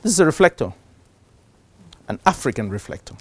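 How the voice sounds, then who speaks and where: Middle-aged man giving an animated conference talk. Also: medium pitch, fairly quick, breathy edge, no room sound. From Cameroon. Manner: animated, shifts loudness for emphasis. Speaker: conference speaker. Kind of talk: live talk on investing. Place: conference stage before an audience.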